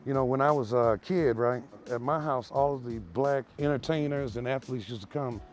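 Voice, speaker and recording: An American homeowner in his sixties is interviewed during a house tour, telling loose stories and laughing often as he shows his home. He's an animated storyteller with a mid-range voice and moderate pace, and music plays in the background.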